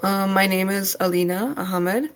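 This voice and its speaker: A woman's voice: mid-range voice, monotone, normal speed. A teenage girl, speaking as a panelist in an articulate, composed way. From United States. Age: teens. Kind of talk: casual self-introduction.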